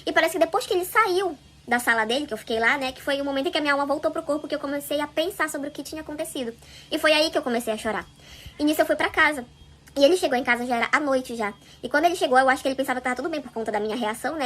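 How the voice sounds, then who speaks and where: A woman's voice: high-pitched, racing, fairly bright tone. A woman telling a first-person story in a chatty, confiding way, talking straight to her viewers.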